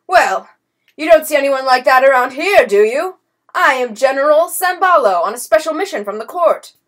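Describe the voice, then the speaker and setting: A woman's voice: sits high, expressive, moderate pace, a bit bright, pitched above the performer's own voice. A woman reading a storybook voices a blustering, pompous swindler count who barks commands. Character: blustering swindler count, grown man, bold. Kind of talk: audiobook character voice.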